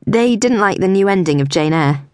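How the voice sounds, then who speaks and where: A woman's voice: mid-range voice, expressive, fairly quick, darkish tone, dry recording, natural voice. A woman voicing a dry-witted young female detective in an audiobook, talking in an understated, wry way. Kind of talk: audiobook dialogue.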